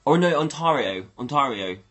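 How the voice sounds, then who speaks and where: A man's voice: medium pitch, expressive, moderate pace, a bit bright, faint music behind. A man hosting a casual livestream, rambling and thinking aloud as he talks to his viewers. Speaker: livestream host.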